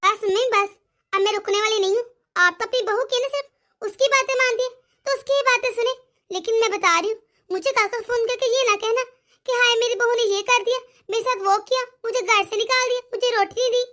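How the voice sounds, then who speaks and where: Brief: woman doing a whiny cartoon daughter, young and meddling, sharp high-pitched scolding. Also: fairly quick. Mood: indignant. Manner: sulky, scolding, dramatic. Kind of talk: animated cartoon voice acting.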